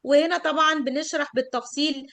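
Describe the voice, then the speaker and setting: Brief: middle-aged woman, Egyptian Arabic accent, high voice, patient pronunciation teacher who slows down on example words. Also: steady tone, a bit bright, dry recording. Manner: drawn-out model words. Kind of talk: online pronunciation lesson.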